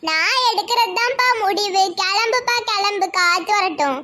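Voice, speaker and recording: Cartoon comedy character, a woman doing a brash young flower seller, Tirunelveli accent, piercingly high squeaky voice, loud hawking patter. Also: expressive, normal speed. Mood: bossy. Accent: Tirunelveli Tamil. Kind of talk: cartoon voice acting.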